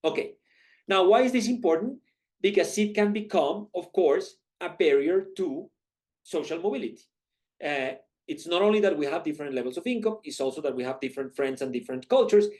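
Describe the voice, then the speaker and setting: A man's voice: fairly high pitch, a little mellow. A man from Colombia, giving a university lecture as a guest economist, methodically posing questions and then answering them.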